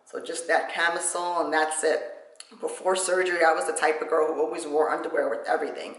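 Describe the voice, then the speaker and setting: A woman's voice: sits low, steady tone, fast talker. A woman vlogger giving a casual, chatty how-to demonstration, explaining each step as she goes. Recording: roomy echoey room.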